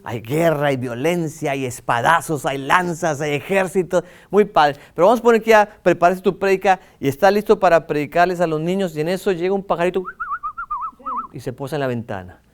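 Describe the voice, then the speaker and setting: A man with a Mexican accent teaching a lively lesson on preaching, acting out examples and swinging his tone and pace. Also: a little high, a little fast. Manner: animated, acts out examples with shifting tone and pace. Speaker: preaching instructor.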